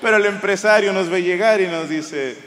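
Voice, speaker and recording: A man's voice: sits high, moderate pace, noisy background. A Mexican man with a Mexican Spanish accent telling crude, swear-filled stand-up stories on stage before a laughing audience. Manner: crude, swearing, animated storytelling. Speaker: stand-up comedian. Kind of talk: stand-up comedy set. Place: large theater stage. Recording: live show in a big reverberant hall.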